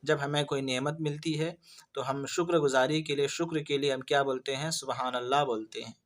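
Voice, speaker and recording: A man's voice: medium pitch, steady tone. A male Urdu teacher explaining vocabulary for an exam. He poses questions and then answers them himself. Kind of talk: vocabulary lesson for exam prep.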